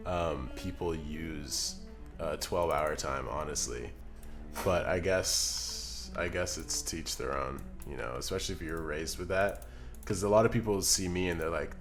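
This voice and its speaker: A deep-voiced young man from Scotland chats on a live stream while editing, relaxed and muttering to himself as he works and reads chat aloud. He's in his home streaming room on a desk microphone.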